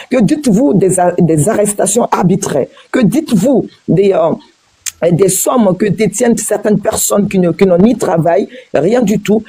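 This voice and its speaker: A woman's voice: mid-range voice, mellow, slightly rough. A woman from Guinea in a heated panel debate, firing repeated pointed questions with many hesitations and restarts. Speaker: debate participant.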